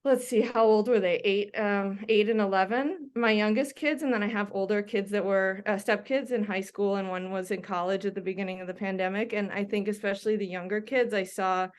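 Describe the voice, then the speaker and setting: A middle-aged Danish woman, a doctor and researcher, talks through her background as an interview guest in a chatty way full of ums and restarts. Her mid-range voice holds a steady tone and a clean sound, going fairly quickly with few pauses.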